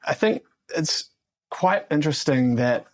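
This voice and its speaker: A man's voice: on the high side, expressive, a little slow. A man speaking as a journalist guest in a casual roundtable discussion, reflective and thinking aloud with many fillers.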